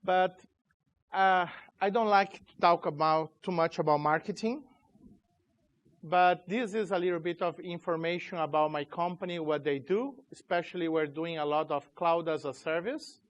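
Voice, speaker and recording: In a muffled recording, a CEO in his 40s with a somewhat high voice delivers an informal tech conference talk in a conference room. He comes from Chile, was raised in Brazil, speaks Portuguese as his first language, and his speech is halting with loose grammar.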